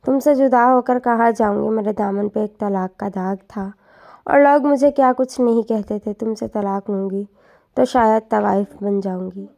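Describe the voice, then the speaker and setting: A woman reading the lines of a meek, mistreated young wife, speaking quietly and with resignation in a storytelling narration. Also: mid-range voice, fairly even intonation, vocal fry, close to an everyday voice. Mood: resigned. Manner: quiet, resigned, soft-spoken.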